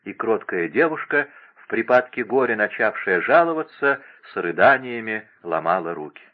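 A male narrator reading a classic novel aloud, in a measured, expressive way. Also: on the low side, narrow, tinny audio.

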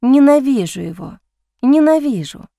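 A woman's voice: high voice, animated, measured pace, vocal fry, dark tone, dry recording, clean studio sound, pitched above the performer's own voice, exaggerated voice. A woman voicing a young heroine in an audiobook, breathless and pleading, torn against herself. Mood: desperate. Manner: breathless, pleading, self-reproaching.

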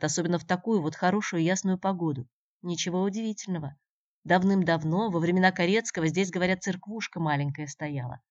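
A woman voicing a calm, persistent young man who talks in a measured, dry way, in a dull, dry recording. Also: on the low side, no echo, lightly acted.

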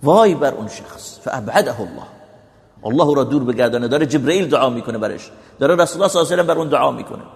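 Man, preacher, sermon, gravelly voice, impassioned, slow recitation of verses, long hall reverb. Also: animated. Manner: impassioned, rising to loud pleading peaks then dropping low; recites Arabic hadith and verses slowly, then explains them.

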